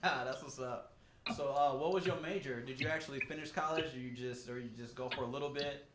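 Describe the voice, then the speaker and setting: A man in his forties hosts a relaxed interview into a desk mic, upbeat and chatty, often restarting his questions. His voice sits mid-range and rings around a small, echoey studio. A clear layer of background noise sits under him. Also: mid-range voice, a little fast. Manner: upbeat, repeats himself, many fillers. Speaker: podcast host. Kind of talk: casual interview. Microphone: desk mic on a stand.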